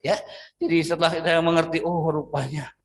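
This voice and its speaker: Animated Indonesian preacher man, higher voice. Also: a little hiss or hum. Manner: animated preaching with sudden pitch swings and drawn-out words. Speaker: pastor. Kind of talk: sermon.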